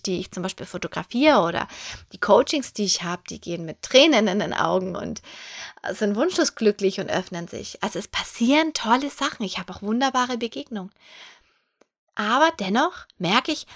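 A woman's voice: a little high, a bit bright. A woman hosting her own podcast in German, talking casually and expressively and acting out her own thoughts in quoted asides. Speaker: podcast host; photographer and coach. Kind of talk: casual solo podcast monologue.

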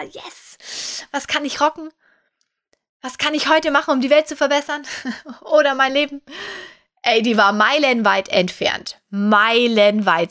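A woman's voice: medium pitch, a bit bright. A woman hosting her own podcast in German, talking casually and expressively and acting out her own thoughts in quoted asides. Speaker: podcast host; photographer and coach. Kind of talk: casual solo podcast monologue.

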